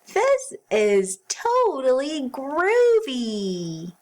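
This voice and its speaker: A woman voicing a small, plucky, cheerful male cat from a storybook, exclaiming in a slow sing-song. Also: high voice, huge pitch swings, darkish tone, voice pushed up, exaggerated voice. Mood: excited.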